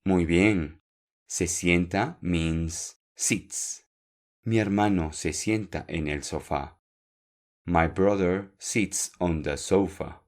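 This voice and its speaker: A man teaching a podcast Spanish lesson, speaking slowly and clearly, repeating words for learners and encouraging them. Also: low-pitched.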